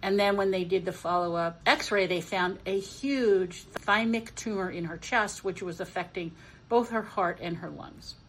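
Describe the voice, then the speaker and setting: A woman's voice: medium pitch, a little slow, a bit bright, a little hiss or hum, low-quality recording. A woman talking in an explanatory way, recounting a case.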